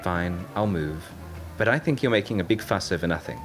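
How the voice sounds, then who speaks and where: A man's voice: deep voice, lively intonation, fairly quick, over music. A man voicing a naive, trusting young woman at a party, lifting his voice a little, in an audiobook story. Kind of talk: audiobook narration.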